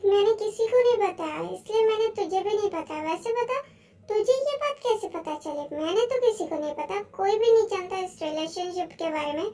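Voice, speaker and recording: A woman's voice: very high voice, expressive, moderate pace, dark tone. A woman voicing a young man who is a grumpy, curt but tender boyfriend in a fan-dubbed story. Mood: bantering.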